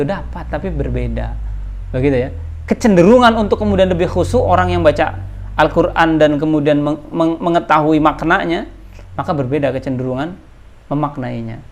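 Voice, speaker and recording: Gravelly-voiced man giving a casual religious talk. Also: high voice. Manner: chatty, addresses listeners as Pak, animated rises and drops. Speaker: religious teacher. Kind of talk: informal religious study talk. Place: outdoors on a palm oil plantation.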